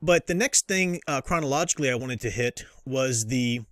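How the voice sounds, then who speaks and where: This man has a medium-pitched voice with lively intonation and speaks at a moderate pace. Hosting an off-the-cuff review of books and comics, he rambles, doubles back on his sentences, and shows a fan's enthusiasm. The recording is dry, with no echo and little sense of the room.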